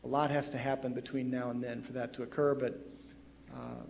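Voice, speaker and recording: Dark-voiced man leading a meeting. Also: medium pitch, brisk. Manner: steady, explanatory, many fillers. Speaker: meeting presenter. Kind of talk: public meeting presentation. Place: meeting room. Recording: dull, faintly noisy, long hall reverb.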